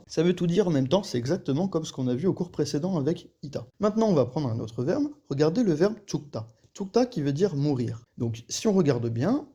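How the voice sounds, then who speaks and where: A man's voice: medium pitch, dark tone, husky. A young man teaching an online language lesson, explaining rules patiently in a casual way.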